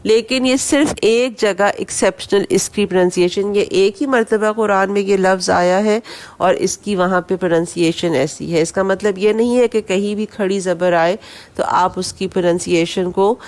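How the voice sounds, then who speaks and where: A woman teaching tajweed rules in a lesson, explaining in a plain conversational way and reciting prayer verses slowly with long drawn-out vowels. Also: on the low side, a little mellow.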